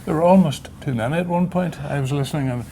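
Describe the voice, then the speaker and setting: A man's voice: fairly high pitch, quick pace, vocal fry, warm tone, slight background noise. A man chatting casually in an interview, often repeating and rephrasing himself as he answers. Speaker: president of a national radio society. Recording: faint room ambience behind.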